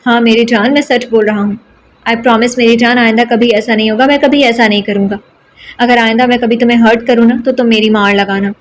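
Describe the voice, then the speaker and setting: A woman's voice: on the high side, fairly even intonation, slight background noise, natural voice. A woman voicing a remorseful young husband who pleads earnestly and coaxes his wife in an audio novel. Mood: pleading. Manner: earnest and coaxing.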